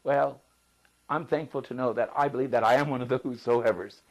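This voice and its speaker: A man's voice: mid-range voice, steady tone, a little fast, low-quality recording. A male pastor, speaking in an interview in an emphatic, rhetorical sermon style. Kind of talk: interview, preaching tone.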